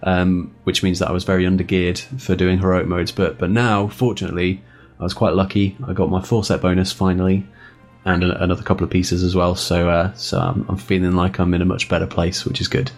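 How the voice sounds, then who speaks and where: A man with a very low, deep voice hosts a relaxed gaming podcast. He is chatty and self-deprecating, and he laughs easily between his points. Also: brisk, soft background music. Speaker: podcast host. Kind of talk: casual gaming podcast chat.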